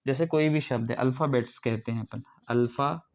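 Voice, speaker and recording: A man's voice: medium pitch, fast talker, a little mellow, dull audio. A male instructor from India giving a classroom lecture, explaining step by step and asking the class questions. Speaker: ITI instructor.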